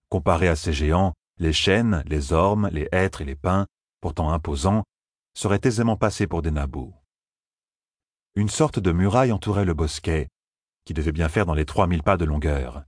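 A man reading an audiobook in a calm, measured storytelling manner. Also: low-pitched, breathy edge, no room sound, clean studio sound. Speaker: narrator. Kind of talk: audiobook narration.

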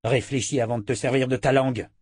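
A man voicing a stern young swordsman in an audiobook, gruff and threatening. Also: mid-range voice, steady tone, fast, a little mellow, dry recording, natural voice.

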